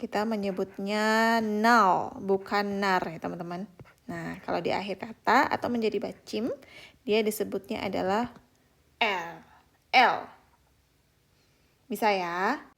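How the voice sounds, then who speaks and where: In a measured way, with long pauses, a young woman guides an online audience through a beginner language lesson. Her mid-pitched voice has noticeable vocal fry, and she patiently draws out example words while addressing viewers as friends.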